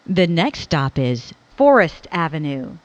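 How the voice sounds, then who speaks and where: Slow, stitched-together female train announcer, dull sound. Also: low voice, big pitch swings, no room sound. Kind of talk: recorded transit announcements. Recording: dull lo-fi train speaker recording.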